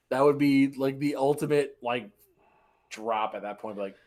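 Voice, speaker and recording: Relaxed, joking man on a gaming podcast. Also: medium pitch, slow pace. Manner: relaxed, jokey, filler-heavy. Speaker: podcast co-host. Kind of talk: casual gaming chat.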